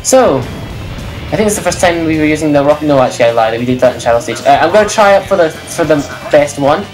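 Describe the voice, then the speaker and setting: A woman's voice: low voice, lively intonation, fairly quick, a little mellow, rough recording. A woman casually commenting on a video game, rambling and correcting herself as she goes. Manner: rambling, self-correcting, chatty. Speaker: let's play commentator. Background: faint game music.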